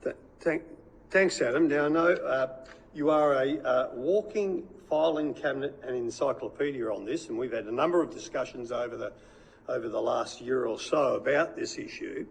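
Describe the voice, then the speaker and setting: Very gravelly Australian man chairing a hearing. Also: medium pitch, normal speed, rough recording. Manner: blokey, informal, stumbling over formal wording. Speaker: senator chairing a committee hearing. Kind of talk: informal committee chairing.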